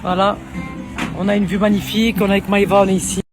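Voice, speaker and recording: A woman's voice: medium pitch, flat delivery, fast, over loud music. A tired woman vlogging to her followers, venting in an agitated, repetitive way. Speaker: social media vlogger. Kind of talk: emotional vlog rant to followers.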